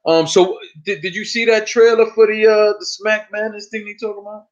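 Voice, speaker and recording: Chatting casually on a live stream, a New York-accented host keeps his delivery loose and profane and repeats words. His voice sits high with a level tone, and he talks fairly quickly. The lo-fi stream audio is dull.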